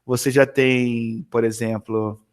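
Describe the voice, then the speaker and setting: A man tutoring math one-on-one over a video call, chatting in an animated, storytelling way with many tag questions. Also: medium pitch, slow.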